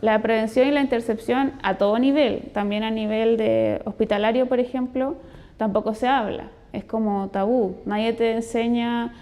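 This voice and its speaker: A woman's voice: fairly high pitch, fairly even intonation, moderate pace, dull audio. A woman dentist from Chile with a Chilean accent, speaking in a testimonial interview in an earnest, explanatory, conversational way.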